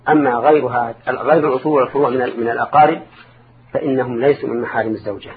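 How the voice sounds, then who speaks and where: Racing along in a steady, medium-pitched tone, an older Islamic scholar gives religious counsel in formal Arabic to listeners' questions. He's didactic, repeating and rephrasing himself for emphasis. The recording has a narrow, phone-like band and clear background noise.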